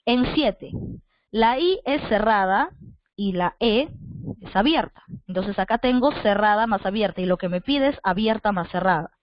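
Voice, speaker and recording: A woman's voice: mid-range voice, expressive, normal speed, muffled recording. A woman teacher giving an online class, patiently repeating points and asking her students rhetorical questions.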